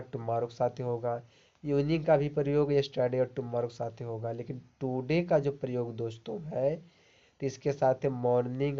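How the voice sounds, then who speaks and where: A man's voice: medium pitch, warm tone, dull audio. A man teaching English grammar in Hindi, reading out example sentences and often checking with "okay?". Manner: explains slowly, reads example sentences aloud, keeps asking "ठीक है?".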